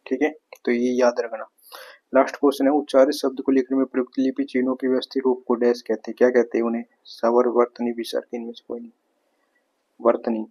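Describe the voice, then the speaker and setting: Flat-voiced man teaching a grammar class. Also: mid-range voice, vocal fry, dull audio. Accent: Haryanvi-tinged Hindi. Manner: explains step by step, repeats answers, asks rhetorical questions. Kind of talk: exam prep grammar lesson.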